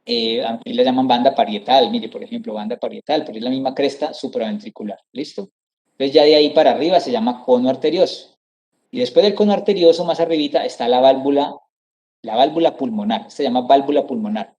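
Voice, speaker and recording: A middle-aged man lectures on anatomy over slides in a mellow, warm voice. He explains step by step, repeats each term and keeps checking that the class follows. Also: mid-range voice, brisk, dull audio. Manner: explanatory, repeats terms, checks understanding with "¿sí?" and "¿cierto?".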